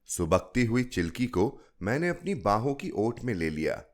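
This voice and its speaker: A man narrating a short story in an expressive, unhurried storytelling manner. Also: lowish voice. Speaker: podcast narrator.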